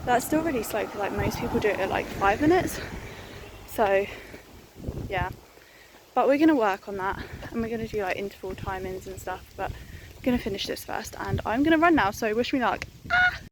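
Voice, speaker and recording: A young woman chatting casually and excitably in a vlog, peppering her talk with informal filler. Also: mid-range voice, normal speed, background noise. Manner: excitable and informal, frequent "like" and "oh my God". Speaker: vlogger.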